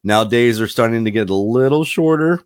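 A man's voice: medium pitch, normal speed, smooth, no echo, studio quality. A man hosting a casual podcast chat, rambling and wandering off on tangents. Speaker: podcast host.

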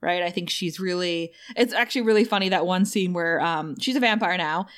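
A young woman co-hosting a casual movie review chat, animated and laughing often. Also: fairly low pitch, a little fast. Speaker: podcast co-host.

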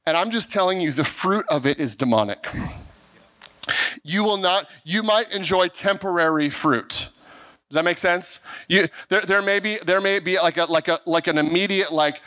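A middle-aged pastor delivers a sermon at a moderate pace in a high, bright, forceful voice. Earnest throughout, he often restarts and stammers over repeated words while building each point. He also acts out the voices of the people he quotes.

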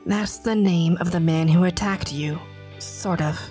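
A man's voice: sits high, steady tone, a little slow, a little mellow, soft background music, voice pushed up. A man voicing a brash, cheeky teenage girl who travels through time, with a sassy, mocking way of talking. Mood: serious. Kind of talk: audiobook narration.

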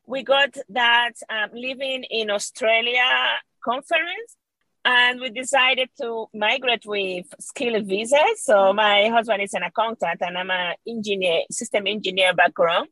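A Venezuelan woman and wine educator, speaking with a Venezuelan Spanish accent, talks about wine as a guest in a casual podcast interview. She's warm and enthusiastic, laughs often and restarts phrases, with a somewhat high voice at an unhurried pace. The low-quality recording has no room sound.

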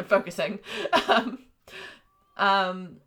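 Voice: mid-range voice, drawn-out words, a bit bright. A podcast co-host in a casual book discussion, chatty with many fillers, reading passages aloud.

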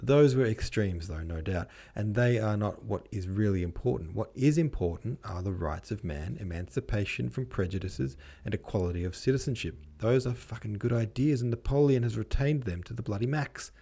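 A man voicing an excitable, provocative young man, talking earnestly. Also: on the low side, moderate pace, gravelly, hardly any pauses, breathy edge. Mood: heated. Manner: earnest, heated.

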